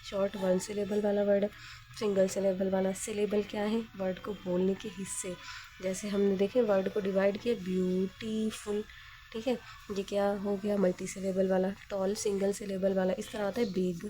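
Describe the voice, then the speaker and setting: A woman's voice: mid-range voice, flat delivery, normal speed, warm tone. A woman teacher explaining grammar step by step in a patient manner, often asking questions and then answering them herself.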